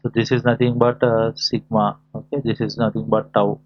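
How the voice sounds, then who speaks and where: A man's voice: on the low side, flat delivery, normal speed. A man teaching a lesson, dictating notation symbol by symbol and posing short questions as he works through it step by step. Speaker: lecturer teaching a class. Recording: dull, lo-fi audio.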